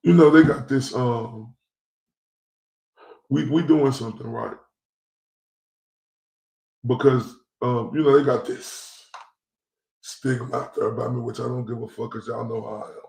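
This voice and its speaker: A man's voice: medium pitch, fairly even intonation, unhurried, gravelly, pauses often, a little mellow. A man from Dallas, ranting bluntly and profanely as a commentary host. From Dallas, Texas. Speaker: YouTube commentator. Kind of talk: livestream rant. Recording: roomy echoey recording.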